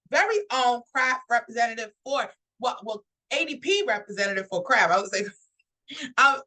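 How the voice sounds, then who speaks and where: A woman hosts a live online show with a bright, forceful voice sitting a little high. She is upbeat and chatty and talks straight to her viewers. She grew up in New York. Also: poor audio. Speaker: host. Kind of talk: live-stream talk show host.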